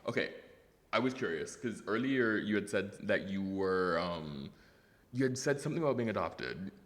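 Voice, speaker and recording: A man's voice: on the low side, lively intonation, moderate pace, long reverb tail. A man hosting a studio interview, asking light teasing questions and laughing easily. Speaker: podcast host. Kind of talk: casual interview.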